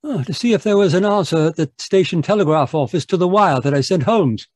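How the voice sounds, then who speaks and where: A man's voice: sits high, lively intonation, fairly quick, a little mellow, no echo. A man playing a genial, inquisitive doctor who also narrates a radio mystery in a conversational, avuncular way. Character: genial, inquisitive doctor, detective's friend John Watson. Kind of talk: old-time radio mystery acting and narration.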